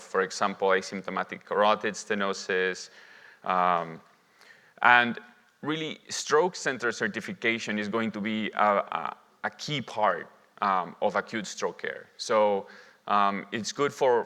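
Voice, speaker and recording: In a symposium's indoor conference hall, a doctor from Lima, Peru, presents a medical lecture as a conference speaker. He sounds bright yet fairly low-pitched, and the room's reverb trails off in a long echo.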